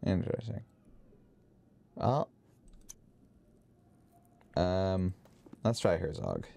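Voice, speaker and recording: A man's voice: low voice, wildly swooping pitch, extremely slow, vocal fry, warm tone, slight background noise. A man co-playing a game, thinking aloud and puzzling over clues in casual commentary. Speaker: co-player.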